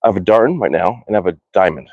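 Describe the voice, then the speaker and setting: A deep-voiced man talks very fast on a phone live-stream from his backyard archery range, chatting casually. He rambles, restarts often, answers viewer comments out loud, and curses under his breath after bad shots. The audio is narrow and tinny, with a little hiss or hum.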